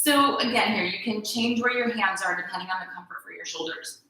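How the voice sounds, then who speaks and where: A woman teaching a yoga flow in a bright, clear voice. She calls out poses calmly and encouragingly, often checking in with the class. The sound rings through a very echoey room. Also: medium pitch, fairly quick. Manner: calm, encouraging cues with frequent "right?" check-ins. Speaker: yoga instructor. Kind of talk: guided yoga class instruction.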